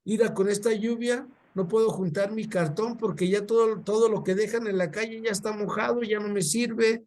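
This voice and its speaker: A sad, weary old Mexican cardboard collector laments his hard luck, as a male preacher acts him out. His voice is fairly high and worn down. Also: steady tone, normal speed, darkish tone, natural voice. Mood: sorrowful.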